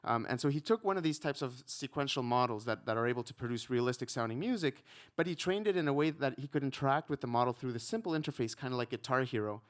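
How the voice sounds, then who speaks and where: A man from Ecuador, likely in his thirties, giving a relaxed conference talk with frequent ums and a self-deprecating touch. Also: mid-range voice, fast, hardly any pauses. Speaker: conference speaker, researcher.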